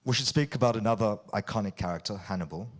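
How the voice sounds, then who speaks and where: A man hosting an interview, putting prepared questions in articulate, deliberate phrases. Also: on the low side. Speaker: interviewer hosting an on-stage conversation.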